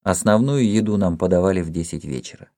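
A man narrating a novel in first person in a measured, expressive audiobook reading. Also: deep voice, dry recording, studio quality.

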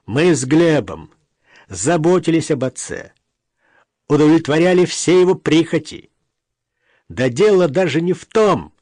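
A man's voice: a little high, no room sound, studio quality, voice pushed up. A man voicing a sarcastic, hot-tempered adult son who argues heatedly over an inheritance in an audiobook. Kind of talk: audiobook character reading.

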